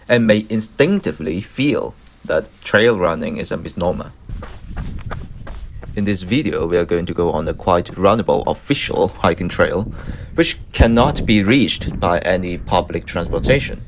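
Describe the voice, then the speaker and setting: Male vlog narrator, very low register, measured scholarly delivery, slight background noise. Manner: measured, wordy, academic phrasing. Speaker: running vlogger, narrator.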